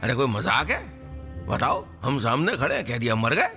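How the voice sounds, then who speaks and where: A man's voice: medium pitch, big pitch swings, moderate pace, sharp tone, faint music behind. A man voicing a boastful, fussy middle-aged herbal doctor from a small town. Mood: indignant. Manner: bragging, fussy, indignant.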